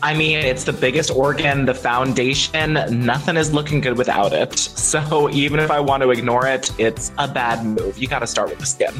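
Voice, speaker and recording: A man's voice: mid-range voice, normal speed, few pauses, fairly bright tone, soft background music. A man co-hosting a beauty podcast, laid-back and agreeable, laughing often. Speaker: podcast co-host. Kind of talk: casual podcast chat.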